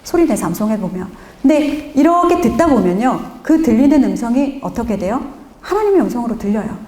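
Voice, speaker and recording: A middle-aged woman, a pastor's wife, giving a church parenting lecture and acting out family stories with lively quoted voices. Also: on the high side, fairly quick, echoey room. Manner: animated, acts out her child's and her own quoted lines. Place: church hall.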